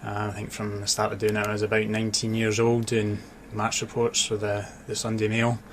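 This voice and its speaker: His delivery is completely flat and his voice low as this Dundee author and sports journalist chats casually on the radio, pausing to think. The Scottish accent combines Dundee, Glasgow and Edinburgh, and noise can be heard behind him.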